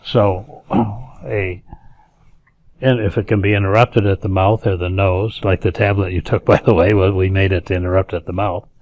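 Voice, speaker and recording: An older man with a very low, deep voice explains things in an interview. He talks in a measured, cautious way, qualifying his claims and correcting himself mid-sentence. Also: steady tone, dull audio. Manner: measured and hedging, with many self-corrections. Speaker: interview guest, doctor and inventor.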